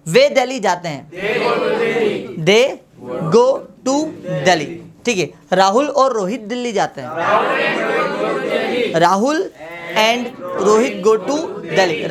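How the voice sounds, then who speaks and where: A woman teaching an English grammar drill, repeating each sentence slowly and calling her pupils kids. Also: medium pitch. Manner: slow, repeating each sentence for the class to echo; scolds pupils fondly as kids. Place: classroom full of students. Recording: classroom with a loud chorus of students. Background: students chanting answers.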